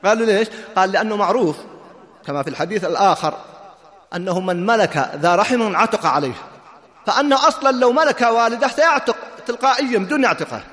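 A man giving an earnest religious lesson, quoting traditions and telling moving stories, sometimes dropping his voice low and soft. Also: animated, fast talker, a faint crowd. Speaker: preacher. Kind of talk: sermon. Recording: long hall reverb.

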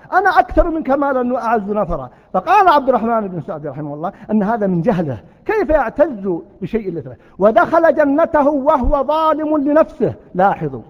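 Male preacher, very high and rapid, storytelling sermon, long hall reverb. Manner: storytelling, acts out quoted exchanges. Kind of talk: sermon to a gathering. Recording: long reverb, dull lo-fi sound.

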